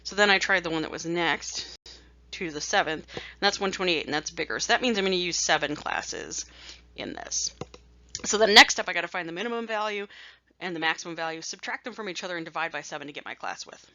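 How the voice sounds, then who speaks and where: Woman instructor, chatty slide lecture, self-mocking asides, lowish bright voice, dry dull lo-fi recording. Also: fairly quick, no room sound. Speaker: statistics instructor.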